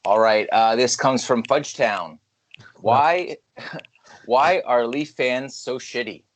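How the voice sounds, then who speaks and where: A man co-hosting a podcast, chatting casually about hockey and telling lively stories with plenty of swearing. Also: medium pitch, slow. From Canada. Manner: lively storyteller, swears freely. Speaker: podcast co-host. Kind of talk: casual sports chat.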